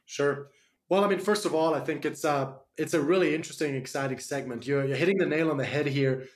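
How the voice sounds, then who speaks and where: A German startup CEO with a slight accent answers a radio interviewer's questions, his voice on the high side and his delivery fairly quick. He sounds hesitant, filling his speech with fillers and frequent restarts.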